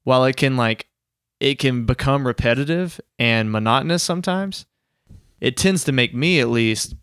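A young man talks through music on a podcast in a relaxed, meandering way, full of little fillers. His voice is smooth and clear, recorded close and dry with no room sound. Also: mid-range voice, normal speed, no echo. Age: young adult. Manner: relaxed, rambling explanations with fillers. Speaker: podcast co-host. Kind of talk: casual chat.

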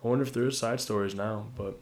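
A man's voice: on the low side, steady tone, fast, a little mellow. Rambling man in a roomy echo. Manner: rambling, swears casually, trails off mid-sentence. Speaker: podcast co-host. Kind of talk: casual movie discussion.

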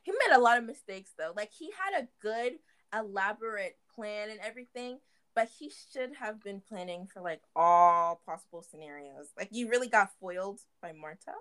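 A woman's voice: mid-range voice, animated, normal speed, fairly bright tone. A young adult woman in a casual, playful chat about a movie. She laughs often.

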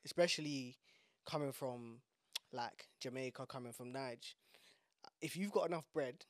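A man's voice: mid-range voice, normal speed, no echo, clean studio sound. A young man with a London urban street accent, chatting casually and emphatically in slang on a podcast. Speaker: podcast host.

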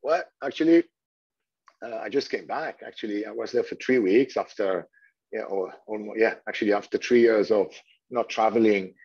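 This middle-aged Swiss hotel general manager, a native French speaker, has a lowish, somewhat mellow voice with a breathy edge and talks at a normal speed. He answers interview questions full of fillers and restarts, and the recording is dull and lo-fi.

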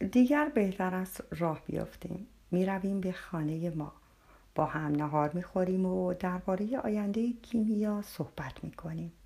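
A woman's voice: lowish voice, creaky, slightly rough. A woman reading the part of a revered elderly male scholar, speaking in a fatherly, kindly way. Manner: warm and fatherly, calls her child.

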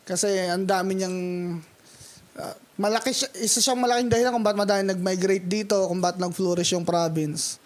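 A man's voice: high voice, steady tone, brisk. Laid-back young man, casual host. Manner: laid-back, slangy, laughs often. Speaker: podcast host. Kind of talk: casual chat.

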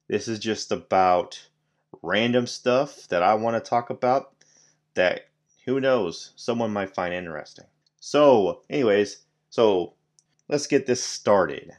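A man's voice: on the low side, lively intonation, slow. A man hosting a solo podcast, rambling casually with lots of fillers, restarts and offhand swearing. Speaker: podcast host.

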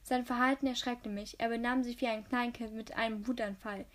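A woman's voice: a little high, fairly even intonation, a little fast. Woman reading a novel aloud. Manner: reading aloud with small slips and restarts. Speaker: reader. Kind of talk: amateur audiobook reading.

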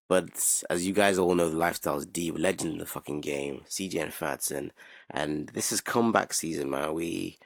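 A man's voice: low-pitched, gravelly, no room sound. A man, bantering cockily in street slang and swearing as a podcast host. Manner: cocky, swearing.

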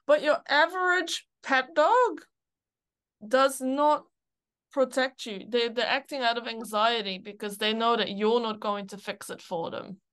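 Woman dog trainer chatting on a podcast, clear resonant voice, a bit high, quotes dogs out loud. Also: a little slow. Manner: emphatic, agreeing, quotes owners and dogs aloud. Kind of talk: casual chat.

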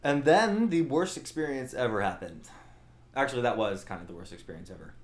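Young man, casual storyteller, rambling and self-mocking, middle-pitched voice, roomy echo. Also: brisk. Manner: rambling, animated, self-mocking, acts out quotes. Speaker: channel host.

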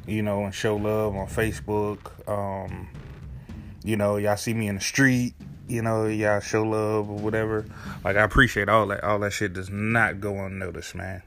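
Man, podcast host, low voice, blunt and profane, rambling solo talk, faint noise behind. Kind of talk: casual solo podcast monologue.

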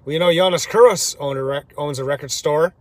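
A man putting on a loud, brash older East Coast guy. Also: on the high side, brisk, lightly acted. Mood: insistent. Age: 60s.

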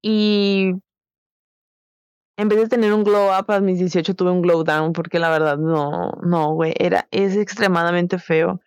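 A woman's voice: on the low side, fairly even intonation, a little slow, clear, resonant tone, no echo, clean studio sound. A young woman with a Mexican Spanish accent, telling a personal story in a candid, slangy way with many fillers. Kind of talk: casual storytelling chat.

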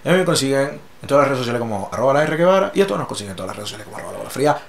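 A young man hosting a casual podcast, joking and teasing with quick asides. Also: mid-range voice, animated, vocal fry, crowd noise. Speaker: podcast host. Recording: roomy echo, a little off-mic.

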